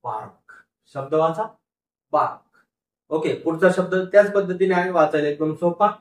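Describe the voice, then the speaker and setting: A man's voice: fairly high pitch, normal speed. A man teaching a phonics lesson, sounding out words syllable by syllable, repeating them and answering his own questions. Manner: asks the class questions and answers them himself. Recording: roomy echo, mic far off.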